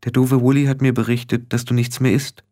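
Ein Mann spricht eine kleine, besorgte Clanchefin mit schriller, schimpfender Stimme. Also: male voice, fairly even intonation, a little fast, a little mellow, close to an everyday voice. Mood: coaxing. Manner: shrill, worried and scolding. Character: anxious, fussy little fairy-clan matriarch woman.

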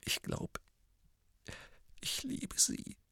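Man voicing breathy lovesick teen Ron. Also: drawn-out words, no echo, studio quality. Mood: lovestruck whisper. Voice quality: breathy whisper when smitten, high shouting when angry. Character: lovesick teenage boy wizard, then furious.

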